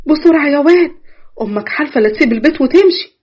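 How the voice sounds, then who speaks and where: A woman voicing a nosy, impatient older aunt playing matchmaker, talking briskly and bossily with an Egyptian accent. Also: high voice, lively intonation, darkish tone, lo-fi sound, voice pushed up. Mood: urgent. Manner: brisk, bossy and rapid-fire.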